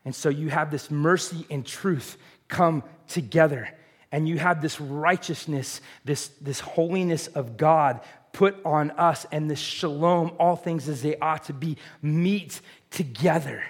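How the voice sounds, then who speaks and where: High-voiced man preaching a lively sermon. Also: a little slow. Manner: casual, animated preaching with frequent fillers.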